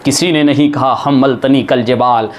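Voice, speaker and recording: A man delivering a Muharram sermon as a religious scholar, reciting dramatically and acting out quoted speech with sudden high swells. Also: fairly even intonation, normal speed.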